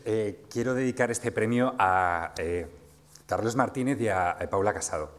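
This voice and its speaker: A man's voice: fairly low pitch, moderate pace. A man with a Castilian Spanish accent giving an acceptance speech as a newspaper editor. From Spain.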